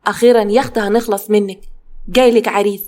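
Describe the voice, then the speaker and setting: A woman's voice: medium pitch, fairly even intonation, racing, a little mellow, close to an everyday voice. A woman with an Egyptian Arabic accent voicing a mocking older mother who belittles her daughter. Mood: scornful. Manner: sneering, belittling.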